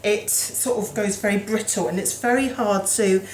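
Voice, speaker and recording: A woman's voice: mid-range voice, fairly even intonation, normal speed, darkish tone, reverberant, a little hiss or hum, poor audio. A woman hosting a casual home cooking show, chatty and self-deprecating, talking as she works in her kitchen.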